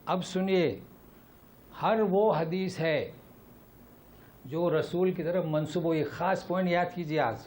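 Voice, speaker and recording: Emphatic high-voiced male religious teacher. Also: pauses often, darkish tone. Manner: emphatic, repeats rhetorical questions. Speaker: Islamic teacher. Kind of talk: Quran lesson with questions.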